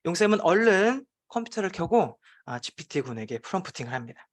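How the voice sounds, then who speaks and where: A man's voice: sits high, very animated, brisk. A man, a teacher presenting at a forum, telling a playful classroom story with frequent hesitation fillers.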